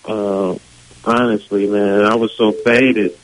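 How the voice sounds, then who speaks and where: A man with a fairly low voice on a phone line. He talks in a laid-back way, mumbling and evasive. The sound is thin and phone-like. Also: flat delivery, slow. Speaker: prank call target. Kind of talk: phone call.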